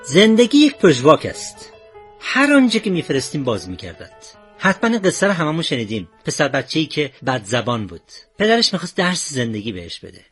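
A man's voice: fairly high pitch, huge pitch swings, a bit bright, soft background music. A man hosting a morning radio show, earnestly telling a motivational parable. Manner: earnest, preachy. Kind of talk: motivational storytelling.

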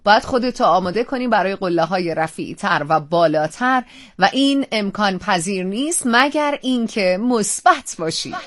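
A woman co-hosts a morning radio show. She speaks in an encouraging, motivational way at a medium pitch. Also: animated, fairly bright tone. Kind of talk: upbeat morning radio talk.

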